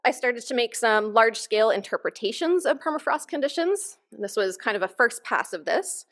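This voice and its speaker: A woman's voice: on the high side, expressive, fairly quick, a bit bright. A woman researcher giving a conference keynote from a lectern, explaining her work in an enthusiastic, informal way. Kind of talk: conference presentation. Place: conference hall stage, at a lectern.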